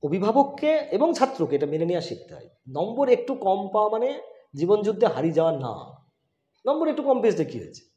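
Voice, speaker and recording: A man's voice: sits high, big pitch swings, brisk, dark tone, highs cut off. A man who heads a school, speaking in an insistent, emphatic way and repeating his key points. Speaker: school headmaster. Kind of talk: conversational interview. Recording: roomy sound.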